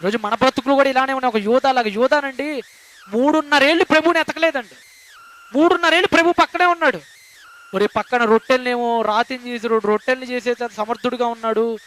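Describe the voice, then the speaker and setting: A man's voice: very high voice, fairly bright tone, slight background noise. A male pastor preaching a sermon, speaking emphatically and asking the congregation rhetorical questions. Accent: Telugu.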